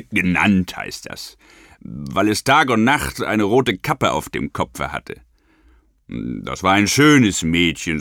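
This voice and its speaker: A man's voice: fairly low pitch, a bit bright, no echo, studio quality. A man telling a fairy tale comically, in the manner of an old sailor spinning a yarn, with mock-earnest asides. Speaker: storyteller.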